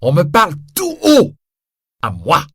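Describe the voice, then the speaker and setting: A man voicing a harsh, mocking police inspector who shouts and sneers. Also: fairly high pitch, huge pitch swings, a little slow, slightly rough, no room sound, clean studio sound, pitched above the performer's own voice, exaggerated voice. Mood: shouting. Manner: loud, sneering, laughing.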